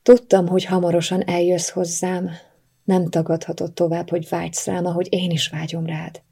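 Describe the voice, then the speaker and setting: Woman reading young female lead, audiobook figure, soft, earnest, dark, breathy tone. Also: lowish voice, completely flat delivery. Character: young woman, heartbroken but caring heroine.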